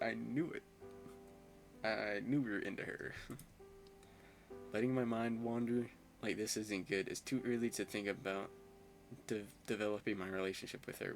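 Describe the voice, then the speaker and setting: A young man with a fairly low voice reads a visual novel's narration aloud. He breaks off into chatty, self-mocking asides and short laughs. Soft game music plays behind him. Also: creaky. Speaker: gamer.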